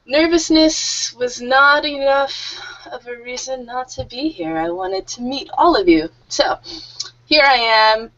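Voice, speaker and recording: A woman's voice: on the high side, sharp tone. A woman in her thirties teaching an online English group class, friendly and a little nervous, laughing often. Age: 30s. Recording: muffled lo-fi audio.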